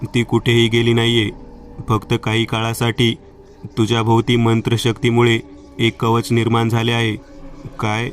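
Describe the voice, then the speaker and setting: A man narrating a horror story and reading the dialogue of two friends in a steady storytelling manner. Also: mid-range voice, normal speed, distant mic, slight background noise.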